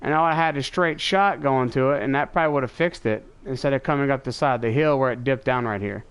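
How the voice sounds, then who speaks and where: This fast-talking man has a mid-range voice and a nose blocked up by allergies. He gives casual live commentary, thinking aloud while streaming a truck-driving game, with the game's truck engine and vehicle sounds clearly heard behind his voice.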